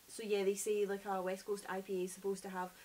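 A Scottish woman in her thirties chats eagerly about beer as a co-host, sitting on a sofa indoors. Her voice sits at a middle pitch. A faint hiss runs under the recording. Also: level tone, quick pace, warm tone, rough recording. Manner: chatty, enthusiastic. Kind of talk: casual chat. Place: living room sofa, indoors.

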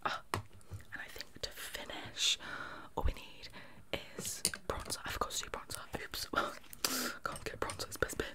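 A young woman in a whispered role-play, speaking close to the mic in a fast, aggressive, chaotic ASMR manner with repeated words. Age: young adult. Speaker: ASMR makeup artist role-play host. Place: small indoor bedroom. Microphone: close fluffy-covered microphone.

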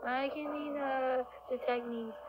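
A woman talking in a halting, hesitant way with many fillers. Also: sits high, steady tone, loud music behind the voice. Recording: muffled, loud background noise.

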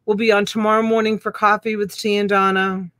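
A middle-aged woman hosting a live online auction from a room at home, counting items and calling bids slowly on a webcam. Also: mid-range voice, little pitch movement, fairly bright tone, dry recording.

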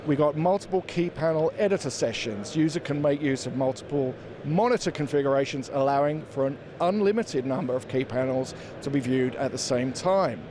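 At an indoor exhibition booth, a man in his forties represents his company in a trade-show interview, presenting products in a somewhat halting way and repeating words. He has a mid-range voice, captured on the interviewer's handheld microphone amid busy crowd noise from the show floor.

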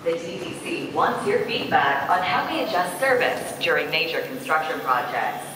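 A woman giving a formal recorded announcement over a subway station loudspeaker. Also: low voice, normal speed. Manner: even, formal announcement delivery. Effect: loudspeaker public address in a subway station. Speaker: transit announcer. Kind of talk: recorded public address announcement. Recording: echoey station loudspeaker from far off, noisy.

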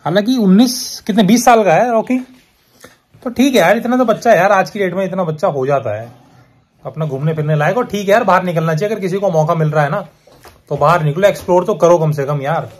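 A man's voice: sits high, fast, breathy edge. A young man chatting casually in a rambling, playful way, vlogging from a car on the road at night. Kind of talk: casual vlog chat while driving at night. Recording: loud road and car noise.

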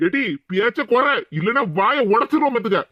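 A man voicing a bossy older husband in a cartoon, gruff and commanding, with a southern Tamil Nadu accent. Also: extremely high pitch, brisk, background noise. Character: bossy older husband and father-in-law turned stern. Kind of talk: cartoon voice acting. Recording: dull, dry lo-fi sound.

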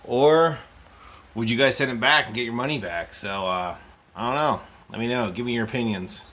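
A man's voice: medium pitch, moderate pace, a bit bright. A man in his forties hosting a casual unboxing vlog, talking bluntly and swearing freely, recorded by a camera on the desk in his collectibles room. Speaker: unboxing channel host. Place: cluttered collectibles room indoors. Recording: roomy echo, faint background noise.

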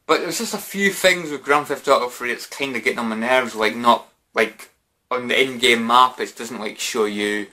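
A man's voice: mid-range voice, normal speed, sharp tone. A British man in his twenties, drunk, chatting casually to camera in a rambling, repetitive way as a gaming vlogger. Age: 20s. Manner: repetitive, rambling, peppered with "you know" and mild swearing. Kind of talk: casual vlog chat to camera. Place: small bedroom, indoors.

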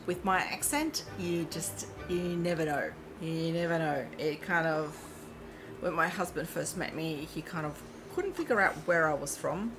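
A woman whose first language is Eastern European, speaking English with a mixed, mostly Australian accent, hosts a let's play. She chats casually in a lowish voice while playing a mobile game and reading its prompts aloud, with noise in the background.

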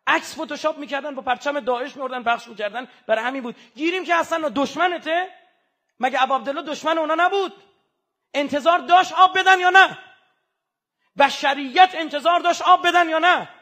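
A man giving an impassioned religious sermon, moving from hushed, mournful passages to loud, fervent outbursts. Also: extremely high pitch. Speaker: religious speaker.

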